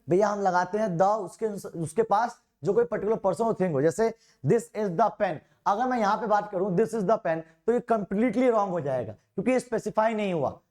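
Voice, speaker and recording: A man teaching an exam-prep grammar lesson, chatty and informal, reading out example sentences slowly and often correcting himself mid-sentence. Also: high voice, darkish tone. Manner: informal, repeatedly calls students "bhaiya".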